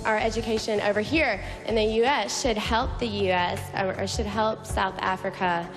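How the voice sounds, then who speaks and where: A young woman giving a poised but halting pageant answer onstage. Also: mid-range voice, steady tone. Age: young adult. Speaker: pageant contestant. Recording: echoey hall, music behind.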